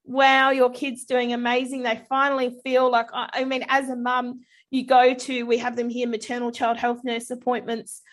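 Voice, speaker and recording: A woman's voice: fairly high pitch, monotone, moderate pace. A woman in her thirties hosting a casual interview, emotional and laughing often. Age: 30s. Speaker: podcast host.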